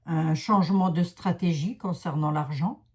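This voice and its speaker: A woman's voice: lowish voice, a little slow, darkish tone, husky. A woman with a Lorraine accent reading tarot cards in a chatty, self-mocking way, talking to her viewers. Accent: Lorraine French. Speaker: psychic card reader. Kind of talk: casual card-reading livestream.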